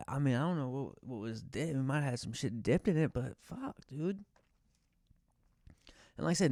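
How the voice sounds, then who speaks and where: A man's voice: fairly high pitch, mellow, dry recording, studio quality. A man hosting a podcast, telling stories in a profane, rambling, exasperated casual rant. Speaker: podcast host.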